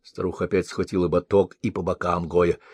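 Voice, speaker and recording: A man narrating an audiobook folk tale in an expressive storytelling manner. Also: low-pitched, brisk, husky, no room sound.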